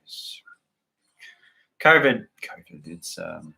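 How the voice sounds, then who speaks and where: Australian male livestream host, bright tone, easygoing and rambling, chats with viewers and reads their comments. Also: low-pitched, sing-song, slow pace, creaky. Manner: loose and rambling, with many fillers and restarts. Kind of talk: live-stream chat reading viewer comments.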